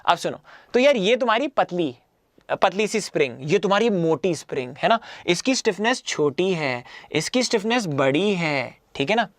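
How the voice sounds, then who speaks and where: A man's voice: sits high, big pitch swings, moderate pace, dry recording. A man teaching a physics lecture in a casual, coaxing way, repeating himself often and mixing in English phrases. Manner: repetitive, coaxing, keeps adding 'है ना'; mixes Hindi with English phrases.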